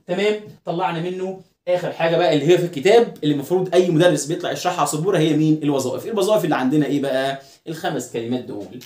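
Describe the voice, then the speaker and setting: Brisk Egyptian man teaching in an echoey room. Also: a little high, darkish tone. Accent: Egyptian Arabic. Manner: asks rhetorical questions and answers them himself. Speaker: English teacher. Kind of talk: classroom lesson explanation. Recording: roomy echo.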